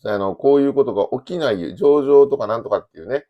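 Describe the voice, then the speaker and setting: A man's voice: mid-range voice, expressive, quick pace, lo-fi sound. An older man with a Kansai accent, giving casual, joking commentary on economic news as a channel host. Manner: chatty, joking, Kansai-flavored asides.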